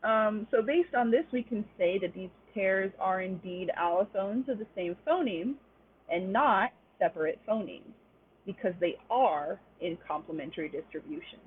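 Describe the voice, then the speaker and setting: A woman's voice: mid-range voice, moderate pace, slight background noise. Woman lecturing over tinny webinar audio. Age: young adult. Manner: explanatory, frequent "um" fillers. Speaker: webinar instructor. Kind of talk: online lecture.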